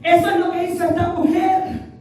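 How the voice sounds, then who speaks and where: A middle-aged woman pastor preaching a sermon, telling stories with animation and swinging between hushed and loud, emphatic delivery. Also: very high-pitched, level tone, moderate pace. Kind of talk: Spanish-language sermon with personal storytelling. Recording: echoey church hall, voice from a distance.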